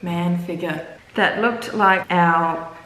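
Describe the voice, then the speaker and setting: A woman's voice: on the low side, fairly even intonation, takes it slowly, a bit bright. A young adult woman chatting informally and telling personal anecdotes in a hesitant, filler-heavy way. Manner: informal, hesitant, uses "like" heavily. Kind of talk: casual chat, personal anecdote. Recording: echoey room with faint noise.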